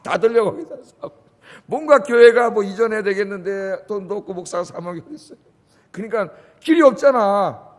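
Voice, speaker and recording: A middle-aged man delivers an emphatic sermon, his voice sitting high. He keeps checking in with the congregation through rhetorical questions. The sound carries the long reverb of a church hall. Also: animated, fairly quick. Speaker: pastor. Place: church sanctuary.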